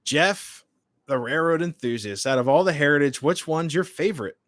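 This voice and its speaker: A man in his late twenties hosts a livestream, chatting informally and hopping between short remarks as he reads and answers comments. His voice runs on the high side with lively intonation, a moderate pace and a fairly bright tone, recorded dry with studio quality.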